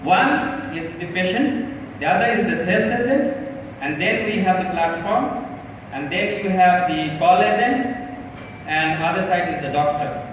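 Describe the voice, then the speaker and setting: A man from Bangladesh giving a live pitch presentation, earnest and halting with frequent fillers. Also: a bit bright, slight background noise. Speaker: startup presenter. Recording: echoey hall from far off.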